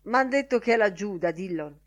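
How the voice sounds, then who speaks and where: A woman reading an audiobook, voicing a hurried male ad canvasser who speaks briskly and eagerly. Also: high-pitched, expressive, a bit bright.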